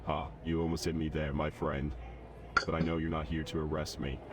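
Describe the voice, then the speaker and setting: A man's voice: a bass voice, level tone, brisk, background noise. A man voicing a boastful, courteous circus lion tamer in a video game, speaking in a florid, polite, pompous way. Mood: theatrical, courteous. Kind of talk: game character dialogue.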